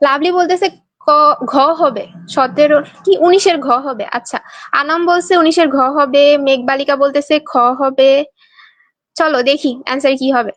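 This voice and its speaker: A young woman from Bangladesh with a high voice teaches an online exam-prep class, with no echo on the recording. Playful and teasing, she quizzes students and reads their answers aloud.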